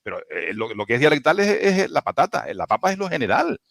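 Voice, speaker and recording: A man's voice: fairly high pitch, very animated, quick pace, gravelly, a bit bright, a little hiss or hum. A man from the Canary Islands, a linguistics professor speaking with a Canarian Spanish accent, arguing emphatically on a video-call panel, with frequent restarts and tag questions. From Canary Islands, Tenerife.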